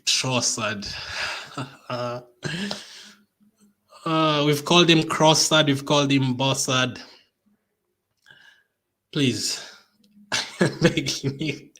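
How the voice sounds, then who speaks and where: A man's voice: mid-range voice, drawn-out words, long pauses, bright, forceful tone. Anxious man reacting live to football. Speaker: football fan channel host. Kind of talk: live watch-along reaction.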